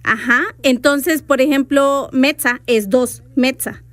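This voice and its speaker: A woman's voice: sits high, unhurried, no echo. A woman whose first language is Zoque, a radio guest patiently explaining her language and spelling words out. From Veracruz, Mexico. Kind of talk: radio interview, explaining writing rules.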